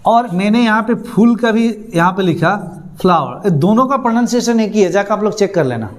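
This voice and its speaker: A man's voice: high-pitched, expressive, normal speed. A man teaching an English class, repeating words and quizzing his students. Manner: repeats words, asks students questions, chuckles. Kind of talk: classroom lesson.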